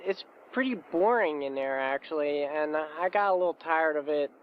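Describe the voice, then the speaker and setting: A man voices a nerdy, awkward healer hero who stumbles through his words with halting "uh"s. His voice sits a little high, and the tape sounds dull with a faint hiss. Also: natural voice. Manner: hesitant, halting, many "uh"s. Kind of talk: recorded interview acting.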